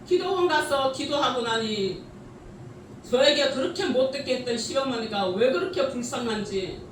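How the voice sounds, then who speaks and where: A woman's voice: high-pitched, animated, moderate pace, slight background noise. A middle-aged woman preaching a sermon with many rhetorical questions and frequent laughter, heard from a distance in a church sanctuary. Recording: echoey church hall from a distance.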